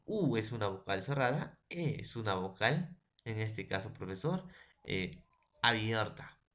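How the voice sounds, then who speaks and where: A man's voice: lowish voice, a bit bright. A Peruvian man with a Peruvian Spanish accent, a secondary school language teacher giving a recorded lesson, who spells words out syllable by syllable and keeps checking understanding with tag questions. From Peru.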